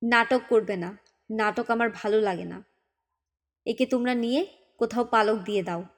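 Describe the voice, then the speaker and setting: A woman's voice: fairly high pitch, normal speed. A woman voicing a grieving, irritable mother who snaps curtly at everyone in an audiobook. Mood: bitter, curt. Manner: curt and bitter. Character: grieving, irritable young mother, sharp-tongued.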